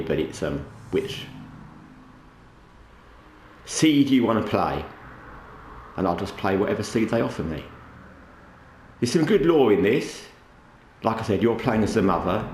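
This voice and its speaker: A man hosting a gaming channel in casual, rambling commentary, talking with a towel over his head. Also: low voice. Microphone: microphone under a towel draped over the head. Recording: roomy echo, faint background noise.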